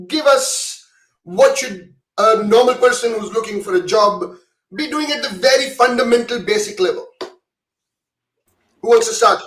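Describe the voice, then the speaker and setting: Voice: mid-range voice, fairly bright tone, reverberant, far from the mic, poor audio. A host who asks the guests brief, prompting questions in an interview.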